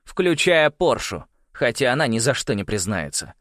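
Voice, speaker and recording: A man's voice: mid-range voice, very animated, normal speed, fairly bright tone, dry recording, clean studio sound, pitched above the performer's own voice. A man voicing a grim, blunt noble boy in a storybook. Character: gloomy direct noble boy.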